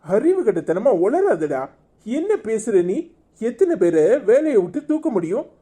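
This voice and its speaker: Man voicing a cartoon office boss, Tirunelveli Tamil accent, mellow dark voice, scolding, fed-up. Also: sits high, very animated, measured pace, full character voice. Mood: exasperated. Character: exasperated middle-aged office boss, short-tempered.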